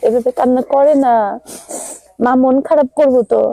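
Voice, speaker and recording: A woman in a vlog, gently coaxing and comforting crying children in a motherly way, then speaking to viewers. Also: sits high, fairly even intonation, normal speed, dry recording, poor audio. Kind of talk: emotional vlog address.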